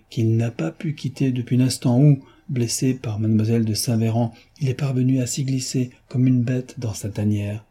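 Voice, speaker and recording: A man's voice: mid-range voice, warm tone, husky, lightly acted. A man voicing an eager young amateur detective, insistent and fervent, in a storybook reading.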